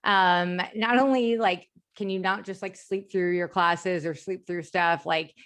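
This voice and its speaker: A woman in her thirties with an American accent and a slight lisp that makes her s sounds slushy. Her voice sits a little low for a woman. She talks casually as a podcast guest, chatty and self-effacing, dropping "like" often. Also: steady tone, a little slow, fairly bright tone. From Chicago area, United States. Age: 30s. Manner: chatty, self-deprecating, peppered with "like". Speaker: company founder, interview guest.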